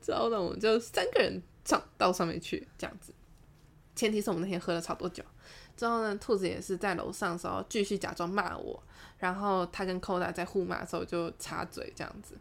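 A young woman hosting a podcast who tells a story in a casual way. She is animated, laughs often and acts out the quotes. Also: on the low side, a little fast, vocal fry. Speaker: podcast host.

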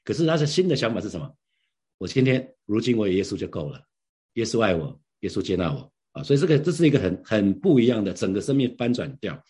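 A man's voice: on the low side, very animated, fast, warm tone, slightly rough. A middle-aged man sharing a devotional Bible reflection as a pastor, earnest and conversational, often asking his listeners questions.

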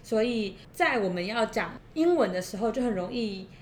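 A woman's voice: lively intonation, moderate pace. A woman with a Taiwanese accent, co-hosting a conversational educational discussion and chattily laying out points in order. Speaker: podcast co-host. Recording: roomy echo, faint noise and rumble.

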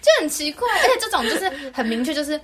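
A young woman in her twenties with a Taiwanese Mandarin accent, co-hosting a podcast and venting in animated casual chat. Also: sits high, very fast, slight background noise. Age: 20s. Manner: animated, venting, mimics others. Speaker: podcast co-host.

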